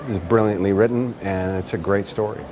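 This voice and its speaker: A man talking as an actor playing a father in a behind-the-scenes interview, measured and earnest. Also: fairly low pitch, fairly even intonation, noisy background.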